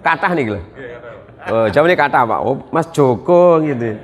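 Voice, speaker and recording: A male Islamic preacher with an expressive mid-range voice jokes and banters with his audience during a humorous religious talk. He keeps a moderate pace, addressing a gathering in a large hall at a police headquarters.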